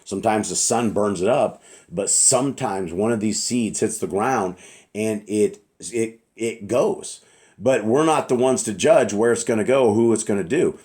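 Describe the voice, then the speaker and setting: A man with a raspy voice teaching scripture in a casual, rambling, earnest way, often checking in with "right?". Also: lowish voice, unhurried, a little mellow.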